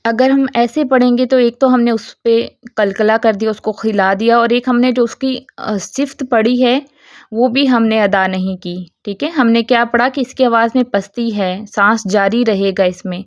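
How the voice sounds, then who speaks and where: A woman with a Pakistani Urdu accent teaching Quranic pronunciation, stretching out model syllables slowly and often checking if students follow. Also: fairly high pitch, steady tone, no room sound, highs cut off. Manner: patient, drawn-out model syllables, frequent "theek hai?" checks. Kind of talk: tajweed pronunciation lesson.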